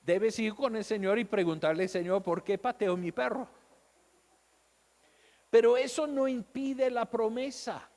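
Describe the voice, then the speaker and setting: A man's voice: high-pitched, measured pace, darkish tone, big-room sound. A man preaching a sermon as a pastor, telling his own story, asking rhetorical questions and acting out the voices of doubters.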